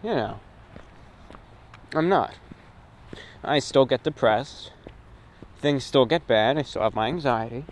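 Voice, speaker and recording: Walking outdoors with clear ambient noise behind him, a man hosts his own radio and online show. His mid-range voice moves slowly, with long pauses, as he rambles casually and reflectively in short phrases.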